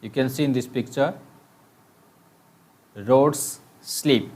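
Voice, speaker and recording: Slow, halting teacher. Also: male voice, mid-range voice, a little mellow. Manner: slow and halting, with many fillers; reads aloud and imitates bird calls. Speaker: primary school teacher. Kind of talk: explaining a textbook story to children.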